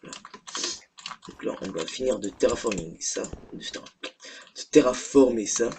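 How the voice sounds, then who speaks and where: A man's voice: medium pitch, expressive, moderate pace. A young man giving casual, hesitant, rambling commentary as he hosts a gaming video. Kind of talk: casual unscripted let's play commentary. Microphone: gaming headset. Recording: noisy mic, audible keyboard clicking. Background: keyboard typing noise and clicks.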